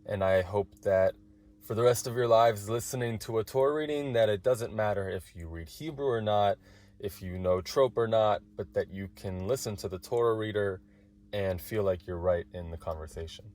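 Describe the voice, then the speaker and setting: A man as a guest, explaining Torah chanting earnestly in conversation, with quick asides. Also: fairly low pitch, darkish tone.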